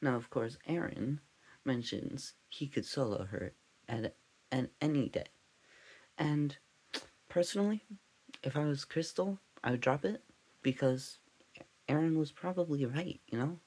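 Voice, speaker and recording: A man hosting a parody true-crime podcast, rambling and scatterbrained, drifting off on tangents in a deadpan way. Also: a little high, unhurried, long pauses, breathy edge, poor audio. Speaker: comedic podcast host.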